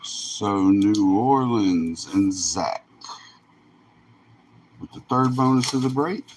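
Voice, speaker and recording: A man's voice: lowish voice, animated, slow pace, a little hiss or hum, rough recording. A man hosting a live sports card break, calling out names in short, clipped, list-like bursts.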